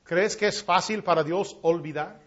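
A man preaching a sermon with passion, rising to loud cries and dropping to hushed tones. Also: sits high, normal speed. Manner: impassioned preaching, swinging from loud cries to hushed near-whispers. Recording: dull lo-fi recording.

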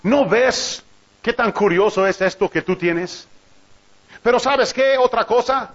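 A man with a strikingly high voice preaches an animated sermon, piling up rhetorical questions and chuckling between points. The recording is dull and lo-fi. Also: slow.

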